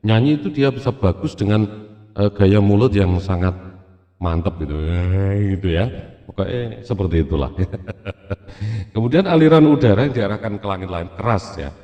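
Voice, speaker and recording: Man, relaxed chatty teacher, warm low voice, muffled reverberant recording. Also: moderate pace. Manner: relaxed, chatty, slips into Javanese asides. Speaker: arts and culture teacher. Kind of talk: recorded classroom lesson. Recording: dull lo-fi sound with long reverb.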